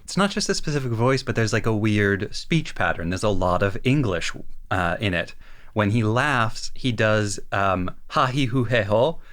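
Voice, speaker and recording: A man's voice: lowish voice, fairly bright tone. A man co-hosting a casual podcast discussion, making wry, joking asides. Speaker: podcast co-host.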